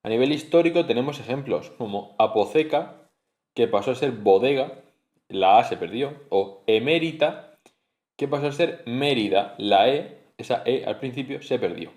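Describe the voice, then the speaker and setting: Male teacher, mid-pitched voice, patient spoken phonetics lesson with sounds repeated aloud. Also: expressive, moderate pace, a little mellow.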